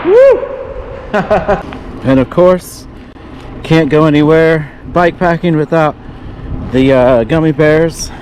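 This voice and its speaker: A man chatting casually and jokingly for an outdoor bikepacking vlog, excitable and prone to whooping. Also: on the high side, unhurried. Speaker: vlogger on a bikepacking trip. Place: outdoors on a bike trip. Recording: loud wind and outdoor noise.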